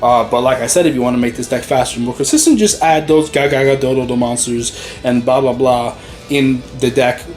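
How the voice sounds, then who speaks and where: A man's voice: medium pitch, brisk, darkish tone, faint music behind. A man hosting a card game channel, giving a rambling, easygoing walk through his deck with many fillers and a little out of breath. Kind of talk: casual deck walkthrough.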